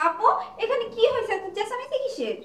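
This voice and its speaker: A woman's voice: very high voice, big pitch swings, fast, echoey room. A woman playing an indignant proud younger sister. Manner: indignant, insulted.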